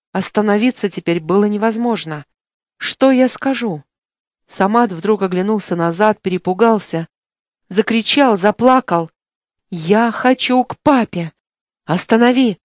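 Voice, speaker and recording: A woman's voice: medium pitch, no room sound. Woman reading an audiobook, dry studio sound. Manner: expressive, acts out dialogue. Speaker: audiobook reader. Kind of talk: audiobook narration. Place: recording studio. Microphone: studio microphone.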